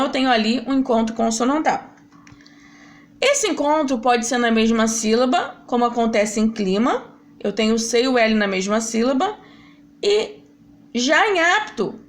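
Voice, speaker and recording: A woman teacher giving a recorded grammar lesson to schoolchildren, patiently explaining step by step and asking rhetorical questions. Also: high voice.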